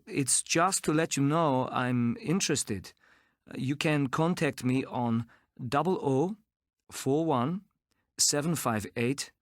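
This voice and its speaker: Male actor as a courteous caller leaving a voicemail; unhurried, mid-pitched, dry. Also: dry recording, lightly acted. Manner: leaving a voicemail, careful and repeating the phone number. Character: polite businessman leaving a voicemail. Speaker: business caller. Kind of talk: scripted role play for a language course.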